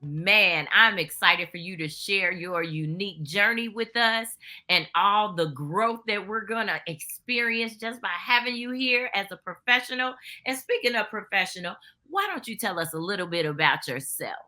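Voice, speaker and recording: A woman's voice: mid-range voice, lively intonation, normal speed, bright, forceful tone. A woman hosting an interview podcast, enthusiastic and hyping up her guest. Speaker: podcast host.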